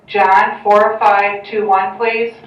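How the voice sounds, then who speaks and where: A woman making a slow, flat paging call over a PA system, heard as a school office announcement. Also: mid-range voice. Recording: echoey, distant, dull loudspeaker sound.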